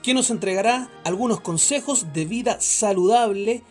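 A co-presenter of a school info program, reading scripted lines in a warm, inviting way. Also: medium pitch, normal speed, faint music behind.

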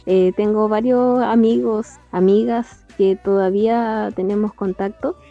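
A woman's voice: medium pitch, steady tone, slow pace, mellow, soft background music. A Chilean woman with a Chilean accent sending a recorded greeting, hesitant and full of fillers. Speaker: former student sending greetings. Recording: dull lo-fi recording.

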